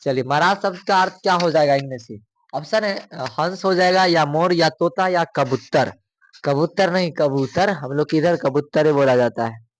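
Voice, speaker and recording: A man's voice: a little high, normal speed. A male coaching teacher, running through exam questions, repeating each one and asking students for the answer.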